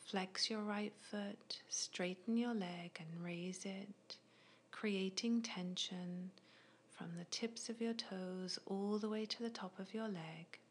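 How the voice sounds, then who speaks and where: Woman whispering slow relaxation cues. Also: medium pitch. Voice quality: soft unvoiced whisper. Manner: slow, gentle, soothing instructions. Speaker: relaxation guide. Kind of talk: ASMR guided muscle relaxation.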